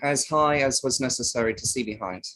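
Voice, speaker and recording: At a table read of an inquiry play, a man plays a plain-spoken riverboat crewman giving evidence firmly and matter-of-factly. Average in male pitch, he answers insistently and a little defensively, fairly quick, pushed and bright in a natural voice. The audio is poor.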